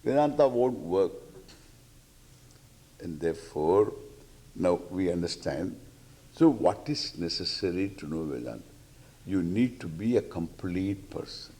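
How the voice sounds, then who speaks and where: A man with an Indian accent delivers a spiritual discourse at an unhurried pace. His pitch moves up and down in a very lively way. He teaches playfully, circling back on phrases and slipping into the part of imagined questioners. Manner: halting, repeating phrases for emphasis.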